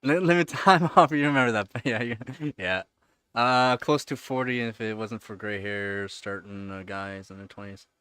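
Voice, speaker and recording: A man in his thirties hosts a casual livestream, responding to viewers in a meandering way with lots of fillers and repeated words. His voice is on the low side, fairly bright, clear and resonant, at a moderate pace in a dry recording.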